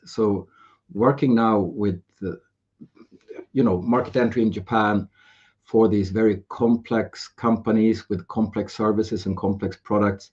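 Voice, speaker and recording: A man from Sweden chats as a podcast guest over a video call, with a low, slightly raspy voice. He keeps things light and joking and wanders off into side stories. The audio is muffled and lo-fi. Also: darkish tone. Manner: jovial, tangent-prone, laughs easily. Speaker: podcast guest, pharma business advisor. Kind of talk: casual video-podcast interview. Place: home room with air conditioning.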